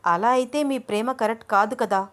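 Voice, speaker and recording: A woman's voice: medium pitch, fairly even intonation, normal speed, natural voice. A woman voicing a touchy young female student in a read-aloud audio story, indignant and accusing.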